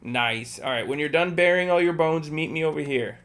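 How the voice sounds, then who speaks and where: A man's voice: a little high, normal speed, fairly bright tone. A man streaming a game and walking a friend through it step by step, patiently repeating instructions and joking between them. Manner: jokey, laughs between instructions. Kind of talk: casual gameplay livestream, coaching a friend.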